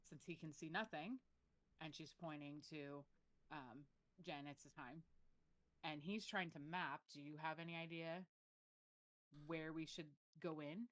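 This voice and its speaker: A woman's voice: low-pitched, fairly even intonation, a little slow, long pauses, a bit bright. A woman playing a tabletop game, asking lots of questions with a frequent "like". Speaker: player. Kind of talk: casual chat during a tabletop game.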